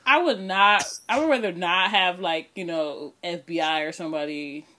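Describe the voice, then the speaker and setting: A woman's voice: fairly low pitch, moderate pace, slight background noise. A woman chatting casually on a podcast, telling stories and acting out other people's lines. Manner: animated storyteller, acts out voices. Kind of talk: casual chat.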